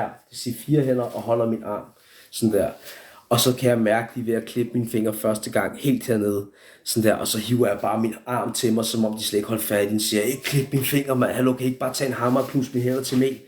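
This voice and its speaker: A man's voice: lowish voice, a little mellow. A young man telling a story on a live stream in a rambling, profane way, full of restarts and swearing.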